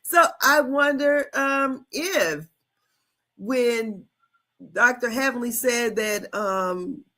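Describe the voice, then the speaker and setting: A woman co-hosting a casual recap chat, musing in a halting way and trailing off between thoughts. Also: fairly high pitch, bright, forceful tone. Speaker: co-host of a reality TV recap show.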